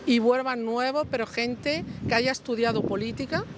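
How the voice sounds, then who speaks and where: A man's voice: very high-pitched, moderate pace. A man answering a street interview, blunt and exasperated. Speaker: passer-by interviewed. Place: outdoors on a city street. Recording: street noise and traffic.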